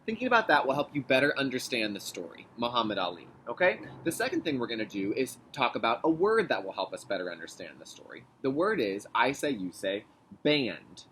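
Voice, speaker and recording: Reading aloud to young children, a kindergarten teacher speaks fairly quickly in a mid-range voice, giving the storybook emphatic expression. He uses clear, simple instructions and check-in questions, and the low-quality recording has slight background noise.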